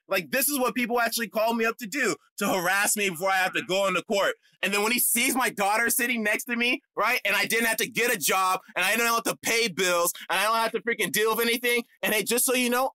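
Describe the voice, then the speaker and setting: A man hosting a religious online show, ranting to his viewers in a combative way that swings from shouting to muttering. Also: high-pitched, dry recording. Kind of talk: heated livestream rant to viewers.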